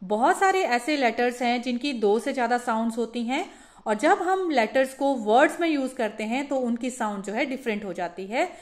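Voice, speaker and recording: A woman teaching a phonics lesson for parents, demonstrating each letter sound slowly. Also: a little high, expressive.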